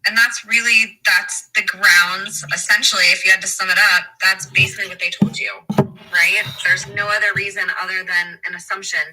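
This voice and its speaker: Bright animated woman on a call. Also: mid-range voice, husky, poor audio. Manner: animated, quick asides, apologetic about stumbling. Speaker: interview participant.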